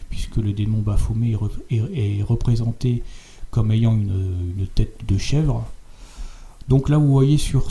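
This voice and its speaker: Guy with a low gravelly voice, lots of uh and repeats, keeps pushing his point, kinda stop-start commentary. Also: warm tone. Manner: hesitant, many fillers and repeated words; insistent, keeps adding tag questions. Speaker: video host. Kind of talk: spoken commentary over on-screen images.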